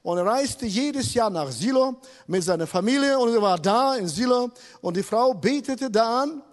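A man's voice: extremely high pitch, animated, normal speed. A man preaching a sermon in a church hall, emphatic and repeating his key words. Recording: long reverb of a large hall.

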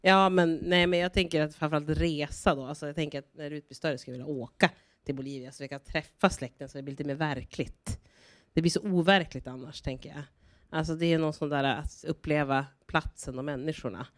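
Relaxed woman, dry close sound. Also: low-pitched, no echo. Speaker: actor in panel talk. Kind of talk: casual post-show conversation.

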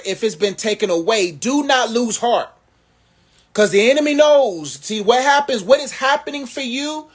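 Guy with a high voice doing a live q&a sermon on his phone, calls everyone family. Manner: preachy, rhythmic, calls viewers family and man. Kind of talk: livestream motivational preaching.

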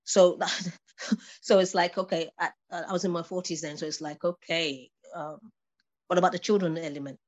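A woman in her fifties takes part in a casual conversation, chatting thoughtfully and laughing between points. Her voice is on the low side, with a steady tone and normal speed.

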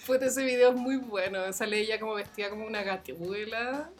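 A woman's voice: fairly high pitch, a little fast, faint music behind. A woman with a Chilean accent co-hosting a podcast, chatting casually with lots of slang and frequent laughter. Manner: laughing often, slangy and playful. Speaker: podcast co-host. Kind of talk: casual chat.

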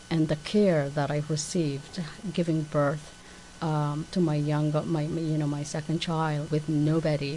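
A woman's voice: low voice, mellow, a little hiss or hum, low-quality recording. A middle-aged woman from Somalia, a community nurse, talking hesitantly with many fillers in a radio interview.

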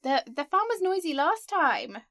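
A woman with a slightly high voice co-hosts a casual podcast chat, teasing her partner and laughing often. She sits in a tiny sound booth, so the sound is close and dry with no room echo. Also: big pitch swings, normal speed, fairly bright tone. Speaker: podcast co-host.

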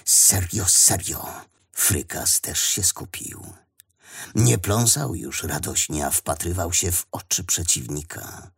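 A man reading a children's adventure story aloud as the narrator, with expressive storytelling. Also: sits low, slow, vocal fry, breathy edge. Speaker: audiobook narrator.

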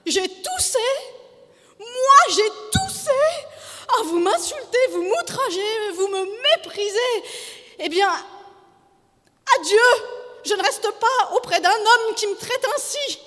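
A woman voicing an indignant wife who shrieks in outrage, high-pitched and exclamatory. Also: lively intonation, moderate pace, pauses often, big-room sound. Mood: outraged.

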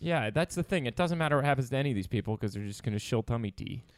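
Brief: mid-pitched man, sarcastic podcast co-host, dry close mic. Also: very fast, clean tone, no echo. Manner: sarcastic, animated banter. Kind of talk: casual chat.

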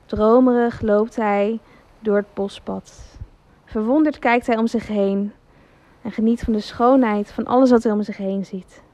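A woman reading a gentle story aloud as narrator, slowly and carefully. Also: fairly high pitch, steady tone, no room sound. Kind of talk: scripted storytelling.

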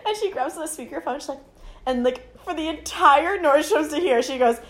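Young female podcast co-host, high and lively voice, giggly storyteller. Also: normal speed. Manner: giggly, animated, acts out voices in her stories. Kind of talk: casual chat, storytelling.

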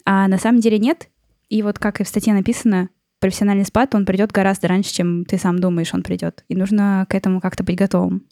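A woman co-hosting a podcast, talking through an article in a relaxed way, thinking aloud with plenty of fillers. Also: medium pitch, quick pace, no room sound, studio quality. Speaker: podcast co-host. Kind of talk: casual discussion of an article.

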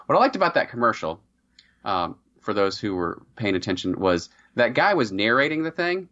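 A man with a fairly low, animated voice co-hosts a casual chat. The sound is slightly dull and lo-fi. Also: normal speed. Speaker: co-host.

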